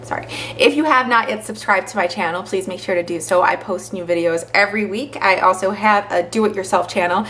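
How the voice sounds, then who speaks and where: A young woman chatting to the camera as a vlogger, telling stories with lots of fillers in an animated way. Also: medium pitch, fairly quick, a little hiss or hum. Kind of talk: casual chat to camera.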